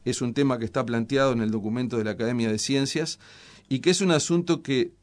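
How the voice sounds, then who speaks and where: A middle-aged man with a Uruguayan Spanish accent speaks as a scientist guest in an interview. He explains at length in a measured manner, pausing often on fillers as he builds his answers. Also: medium pitch. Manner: measured, explanatory, many hesitations.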